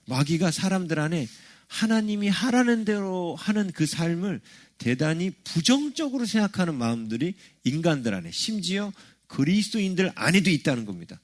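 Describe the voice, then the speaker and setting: A man's voice: sits high, very animated, normal speed. A middle-aged male pastor preaching a sermon in a conversational way, often checking in with the congregation through rhetorical questions. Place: church sanctuary.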